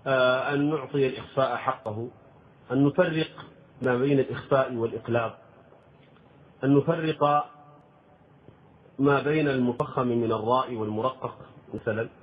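A man teaching the rules of Quran recitation in a measured lecture, demonstrating sounds and questioning his students. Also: mid-range voice. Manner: explains slowly, demonstrates pronunciation, asks students questions. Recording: tinny lo-fi phone-like recording, faint noise.

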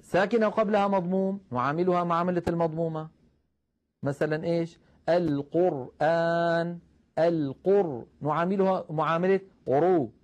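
A man teaching the rules of Quran recitation, explaining patiently, calling his listeners brothers and slowing down to recite example verses. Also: fairly high pitch. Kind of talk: tajweed lesson.

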